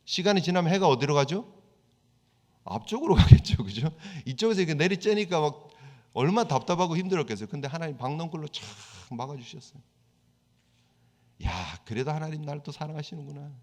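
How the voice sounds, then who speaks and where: Male pastor, slightly high voice, chatty preaching that acts out quotes, long church reverb. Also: expressive, fairly quick. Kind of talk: sermon.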